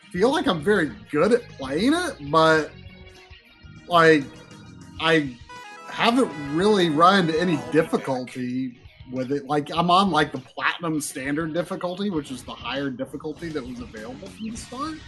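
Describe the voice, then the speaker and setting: A man's voice: a little high, expressive, moderate pace, fairly bright tone, soft background music. A man hosting a casual gaming podcast, rambling and hedging, often laughing as he talks. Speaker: podcast host.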